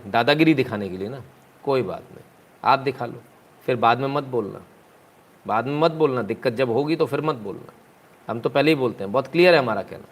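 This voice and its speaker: Mocking, taunting male commentator. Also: mid-range voice. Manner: mocking, rhetorical and taunting, with sudden loud jeers. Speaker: political commentator. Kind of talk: heated political commentary.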